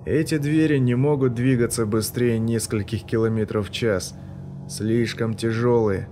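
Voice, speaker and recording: Gruff commanding officer, voiced by a male narrator; curt, grumbles, barks orders. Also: mid-range voice, steady tone, moderate pace, warm tone, faint music behind, natural voice.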